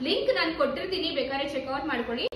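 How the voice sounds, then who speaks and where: A woman's voice: sits high, expressive, rapid-fire, heavy background noise. A young woman vlogging casually with her family, talking straight to her viewers as friends. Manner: chatty, addresses viewers as friends.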